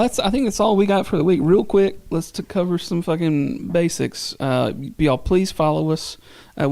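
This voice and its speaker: A man's voice: fairly high pitch, gravelly, darkish tone, dry recording. A middle-aged man, co-hosting a podcast and telling a long rambling story with plenty of swearing. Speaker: podcast co-host. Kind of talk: casual chat.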